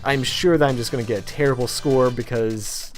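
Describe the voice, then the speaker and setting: A man's voice: mid-range voice, brisk. Sarcastic young man commenting on a game. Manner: sarcastic, rambling and jokey. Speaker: let's play commentator. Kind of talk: casual gameplay commentary. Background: video game music.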